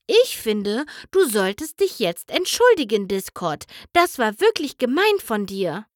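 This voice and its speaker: A timid, gentle pony mare from a storybook, as a woman reader puts her on, speaking softly and pleading. The voice is high and slow. It sounds dry and close. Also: big pitch swings, no echo. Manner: soft, pleading. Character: gentle shy pony mare, soft-spoken.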